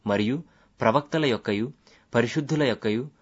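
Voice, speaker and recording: A man reading scripture aloud in a measured, solemn recitation. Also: medium pitch, breathy edge. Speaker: Bible reader. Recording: dull lo-fi recording.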